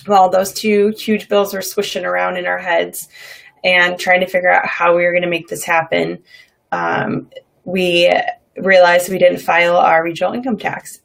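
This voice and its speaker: A woman casually telling a personal faith story, animated and full of "like" and "um". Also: lowish voice, creaky. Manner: animated, dramatizes her own past reactions; many fillers like "like" and "um". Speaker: vlogger sharing faith stories.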